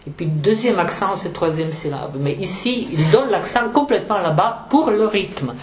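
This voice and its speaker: A Czech woman from Moravia speaking French with a Czech accent, explaining poetry to an audience and pausing to search for words. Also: lowish voice, lively intonation. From central Moravia, Czech Republic. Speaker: guest poet. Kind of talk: literary talk with poetry reading. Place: event hall at a cultural centre. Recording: roomy hall echo, faint room noise.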